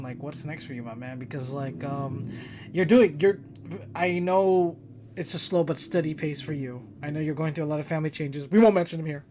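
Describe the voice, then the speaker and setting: A young man hosts a relaxed interview with a close friend. He rambles through memories, full of fillers and giggles. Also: a little high, a little hiss or hum. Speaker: interviewer and stream host. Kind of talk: casual interview chat.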